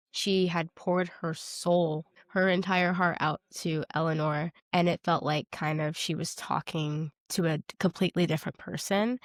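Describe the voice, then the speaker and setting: On a dry, studio-quality recording, a woman with a lowish voice co-hosts a podcast. She chats casually about film, informal and emphatic, saying "like" a lot.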